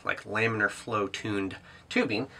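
A man's voice: on the low side, measured pace, creaky, pushed and bright, slightly rough. A man in his thirties casually explaining a build in a small home workshop, talking to a camera with lots of "uh" fillers. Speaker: maker vlogger. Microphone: camera on a tripod, then handheld.

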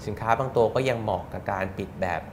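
Thirties man, guest on a TV business show; quick, explanatory, lapel mic, noisy background. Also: lowish voice. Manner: fast, explanatory, acts out customer quotes. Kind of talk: studio interview. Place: bright TV studio set.

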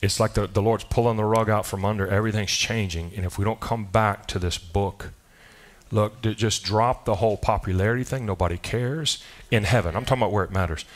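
A man preaching a sermon, animated and conversational, with asides and quick restarts. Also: lowish voice. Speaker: pastor. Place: church sanctuary.

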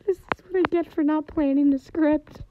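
A woman's voice: high-pitched, fairly even intonation, moderate pace. A woman casually chatting in a vlog while trying out impressions, giggly and unable to stop laughing. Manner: giggly, keeps breaking into laughter. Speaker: YouTuber. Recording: dull lo-fi with faint noise.

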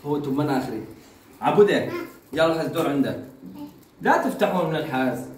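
A woman's voice: low-pitched, lively intonation, a little fast. A woman running a playful game with her kids for a family vlog, bossy and laughing as she instructs them. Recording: echoey room, mic far off, noisy.

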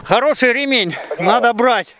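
This time the instructor's voice is extremely high, a bit bright and animated, at a normal speed, as he chats and demonstrates outdoors in the snowy mountains, hot from the work. Wind and engine noise run behind him.

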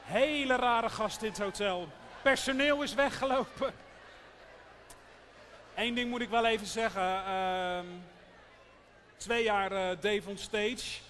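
A man in his thirties hosting a stage show, talking to the theater audience in a halting way with pauses, into a handheld microphone on a large stage. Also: high-pitched, a bit bright, in a large hall, slight background noise. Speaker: showmaster and singer.

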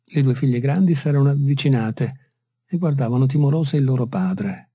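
A man reading a classic short story aloud in a calm, unhurried way. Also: medium pitch, husky, no room sound, clean studio sound. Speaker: audiobook reader. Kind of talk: literary narration.

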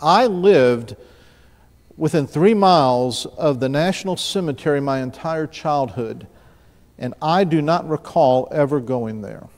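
Preaching from the pulpit of a large sanctuary, this New Orleans-area pastor in his fifties has a voice a bit high for a man, with a darkish tone and measured pace. His sermon unfolds as loose, conversational storytelling full of restarts and asides to the congregation. A pulpit mic and mid-distance camera pick him up amid long reverb.

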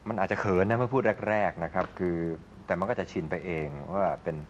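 A man's voice: deep voice, quick pace, lo-fi sound, a little hiss or hum. A man hosting a language lesson show in a playful, joking casual chat. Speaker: host.

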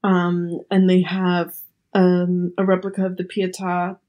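A woman's voice: lowish voice, completely flat delivery, measured pace, darkish tone. Chatty young woman podcaster. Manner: chatty, describing things with many fillers and laughs. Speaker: podcast co-host. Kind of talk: casual chat.

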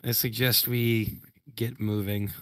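A man's voice: fairly low pitch, level tone, takes it slowly, no echo. Chatty man playing a space marine. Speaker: player. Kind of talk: tabletop role-play.

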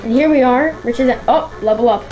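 A woman's voice: a little high, a little fast, dull audio. A woman giving casual commentary as she plays a video game. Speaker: let's play gamer. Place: indoors beside a television running a game. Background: video game music.

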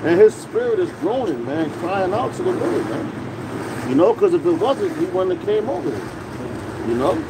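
A man's voice: high-pitched, very animated, moderate pace. A man in his forties preaching on a city sidewalk at night, talking casually with lots of "man" and "you know.". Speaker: street preacher. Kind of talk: street preaching with scripture. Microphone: camera phone close up. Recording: outdoor street noise, traffic.

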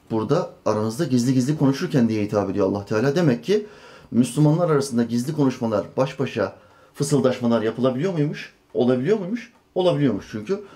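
A man's voice: mid-range voice, dark tone. A man giving a Quran commentary lesson as a religious teacher, earnest and emphatic, with rising rhetorical questions.

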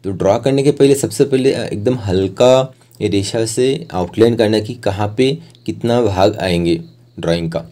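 A young male art tutor talks through his process step by step in a plain, explanatory voice-over. His voice is very mellow and lowish, and he occasionally breaks off mid-sentence while looking for a word.

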